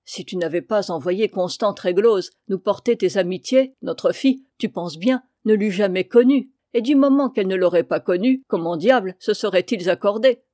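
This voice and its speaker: A woman's voice: mid-range voice, moderate pace, few pauses, mellow, no room sound, studio quality, close to an everyday voice. A woman doing a jovial old soldier-farmer. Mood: explaining. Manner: hearty, jovial.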